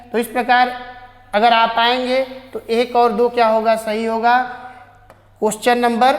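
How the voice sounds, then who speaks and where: A woman teacher going through exam questions one at a time, reading each English question slowly and then explaining the answer in Hindi. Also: on the high side. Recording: echoey room with long reverb.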